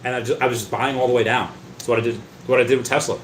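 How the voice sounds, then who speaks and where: Talking very fast in a steady, mid-range voice, a man runs a casual livestream, going through chat comments and rambling with lots of stammers and repeated words. The audio has a roomy echo and faint background noise.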